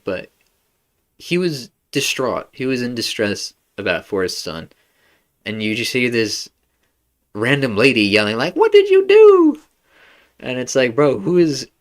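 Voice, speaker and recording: A podcast host with a somewhat low male voice chats loosely about a game. He talks in a relaxed, slangy way and fills his sentences with "like" and "bro". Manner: laid-back slangy talk full of "like" and "bro". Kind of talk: casual video game discussion.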